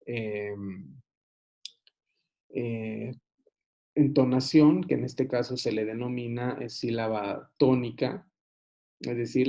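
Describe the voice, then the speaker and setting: A man giving a recorded online lesson, unhurried, with frequent hesitations and restarts. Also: mid-range voice, dark tone. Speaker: teacher. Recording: dull lo-fi recording.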